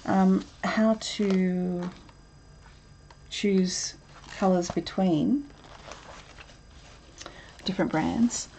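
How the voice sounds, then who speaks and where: A woman with a mid-range, dark voice draws out her words and leaves long pauses while leading a live drawing session from her home desk. She talks casually, rambling and breaking off with ums, on poor audio with slight background noise.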